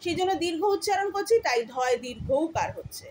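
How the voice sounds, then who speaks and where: A woman with a West Bengal Bengali accent teaches young pupils, first reciting a poem slowly and musically and then explaining it with patient care. Her voice sits high. A faint hiss stays in the background of the recording. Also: big pitch swings, poor audio. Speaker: primary school teacher.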